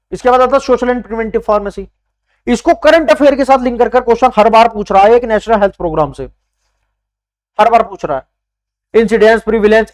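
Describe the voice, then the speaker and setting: High-voiced man giving an emphatic coaching lecture. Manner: emphatic, repeats key points, addresses students as brother. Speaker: exam prep teacher.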